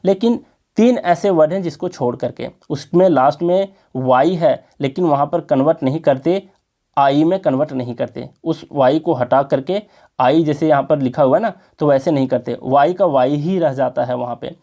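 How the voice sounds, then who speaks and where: In Hindi, a man teaches an exam-prep English grammar lesson, explaining slowly and checking in with his students. His voice is fairly high-pitched and warm.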